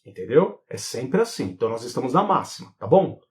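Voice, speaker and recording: A man hosting a live online talk on spiritual therapy, animated and full of rhetorical questions. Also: mid-range voice, brisk.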